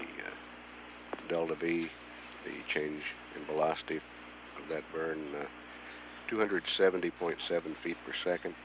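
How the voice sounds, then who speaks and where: A man giving live mission control commentary in a halting manner, with frequent long hesitations. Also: very deep voice. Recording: dull mission audio feed, hum and noise.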